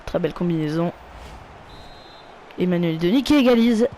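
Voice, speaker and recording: A man with a French accent giving casual play-by-play commentary of his football video game, calling out player names and getting loud when a goal comes. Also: high-pitched, lively intonation, normal speed, slight background noise. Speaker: gaming YouTuber.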